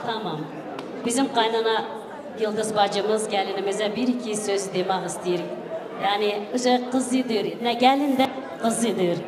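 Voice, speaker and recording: A woman's voice: mid-range voice, measured pace. A woman hosting a wedding celebration live, calling guests up and urging applause in a festive, exclamatory way, switching between languages. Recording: echoey reverberant hall, crowd noise behind.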